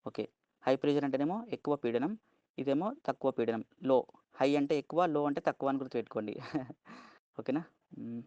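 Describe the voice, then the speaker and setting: Slow, patient Telugu-accented male teacher. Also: mid-range voice, lively intonation, warm tone, no echo, lo-fi sound. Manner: slow, spells words letter by letter, keeps asking "okay?". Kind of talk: vocabulary lesson.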